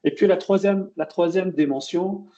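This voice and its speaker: A man's voice: high voice, moderate pace, mellow. A man giving a technical webinar presentation, hesitant, with many fillers and restarts. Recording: dull lo-fi webinar audio.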